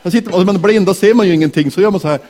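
A man telling a Bible story to children in character, animated and asking them questions. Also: high-pitched, slight background noise. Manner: animated, asks the audience questions. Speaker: children's talk leader.

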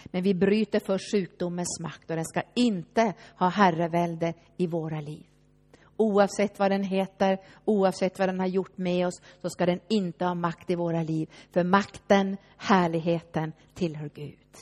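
A woman's voice: fairly low pitch, steady tone, a little mellow. A woman preaching a fervent, emphatic sermon, now and then stammering into restarts. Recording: long hall reverb.

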